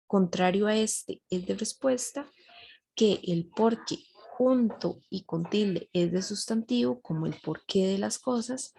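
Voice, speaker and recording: Gravelly-voiced woman teaching grammar. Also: medium pitch, a little mellow, rough recording. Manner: patient, often checks with a questioning tag. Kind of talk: grammar lesson.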